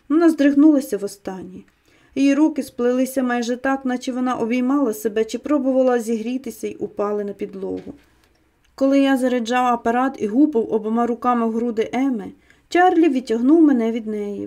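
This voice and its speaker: Mellow higher-voiced woman reading dramatically. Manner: tense dramatic reading of a first-person male story. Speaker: audiobook narrator. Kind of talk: scripted audiobook narration.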